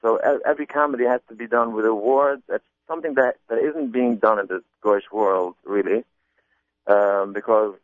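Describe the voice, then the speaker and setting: A man with a lowish voice talks casually about making his album, often restarting and repeating words as he goes. The sound is thin and phone-like, with a dry, close feel and no room echo. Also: fairly even intonation, normal speed. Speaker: comedy album artist. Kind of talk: casual interview talk. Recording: muffled phone-line sound.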